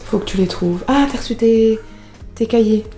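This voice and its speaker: A woman vlogging her family life as a mother, chatting in a brisk, teasing, motherly way. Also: on the high side, warm tone. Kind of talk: casual family chat. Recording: roomy with music behind.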